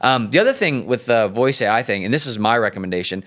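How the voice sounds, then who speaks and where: A man hosting a casual finance chat, telling cautionary stories about scams in an earnest, lively way. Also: medium pitch, fast talker. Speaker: host.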